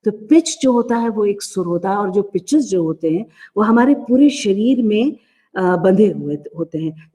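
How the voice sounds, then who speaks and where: A middle-aged woman with an Indian accent teaches acting in a calm, explaining lecture, pausing on soft fillers as she goes. Her voice sits at an ordinary pitch. The room carries a long, hanging reverb. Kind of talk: lecture answering student questions.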